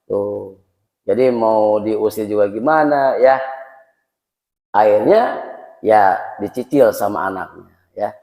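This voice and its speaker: A middle-aged man from Indonesia preaching a dawn lecture in a mosque, telling stories with lively acted-out voices. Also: takes it slowly, pauses often. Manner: animated storytelling, acting out voices with big pitch swings. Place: mosque hall. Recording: echoey mosque hall.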